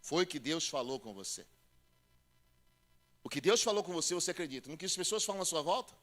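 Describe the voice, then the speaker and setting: A man preaching a sermon as a pastor with a Bahian Brazilian accent, emphatic and direct, acting out doubters in a higher voice. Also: lively intonation, fairly quick, fairly bright tone. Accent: Brazilian Portuguese, Bahian. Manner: emphatic, calls listeners "querido" and "irmão", acts out doubters in a high voice.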